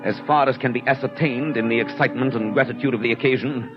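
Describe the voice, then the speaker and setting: An actor playing a watchful, suspicious police inspector in a 1930s radio drama, reading notebook entries in a measured, clipped, probing manner. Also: male voice, mid-range voice, steady tone, natural voice. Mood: watchful, methodical. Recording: dull 1930s radio recording. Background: clear music.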